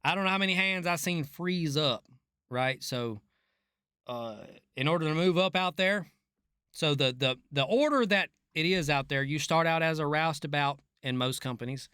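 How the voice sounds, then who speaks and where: This former rig worker, now a reaction video host, speaks at a moderate pace in a slightly high, pushed, bright voice with a clean tone. The middle-aged man riffs off the cuff in a folksy, slangy, profane style, recorded in a clean studio with no echo.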